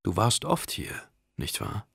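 A man's voice: fairly low pitch, huge pitch swings, measured pace, vocal fry, fairly bright tone, breathy edge, no echo, heavily acted. A man reading an audiobook, voicing a frightened but stubborn young man in a voice close to his own. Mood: hushed.

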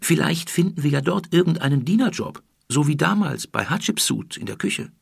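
Male narrator doing a plucky young girl, pitched up, gravelly edge; storybook reading, dry. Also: sing-song, moderate pace, dry recording, heavily acted. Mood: eager. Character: young girl, bold and carefree time traveler.

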